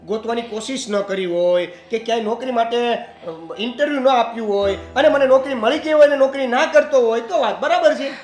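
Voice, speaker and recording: A man's voice: very high voice, fairly quick, hardly any pauses, darkish tone. An actor playing an unemployed young man who complains sulkily about his sister-in-law. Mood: grumbling. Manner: sulky, complaining. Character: idle grumbling young man, unemployed son. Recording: echoey room.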